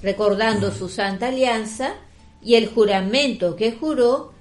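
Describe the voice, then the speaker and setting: A woman giving the responses in a liturgical prayer, solemn, measured and devotional. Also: on the high side, soft background music.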